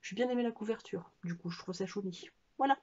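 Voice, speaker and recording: A woman's voice: medium pitch, fast talker, darkish tone, dull audio. Chatty woman showing her book haul. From France. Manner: chatty, hesitant, many fillers and restarts. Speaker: book vlogger. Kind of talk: casual book haul chat. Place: at home.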